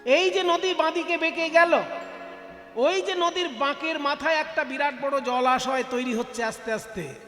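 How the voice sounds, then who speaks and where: A man's voice: very high voice, moderate pace, a bit bright. A man speaking, a kirtan singer giving a devotional discourse, playfully quizzing the audience as he explains. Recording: echoey hall with music.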